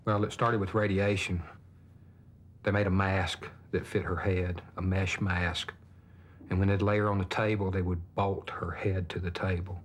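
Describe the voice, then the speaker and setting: A man's voice: deep voice, little pitch movement, moderate pace. A middle-aged man soberly recounting a hard family experience as personal testimony.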